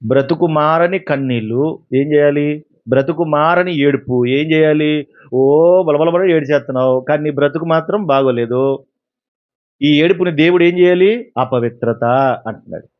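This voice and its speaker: A male pastor with a Telugu accent preaching a sermon in a fairly high voice. He keeps asking the congregation questions and answering them himself, and acts out the lines of the people in his story. The recording sounds dull and lo-fi. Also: normal speed, pauses often. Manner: acts out the words of God and of people in his own voice.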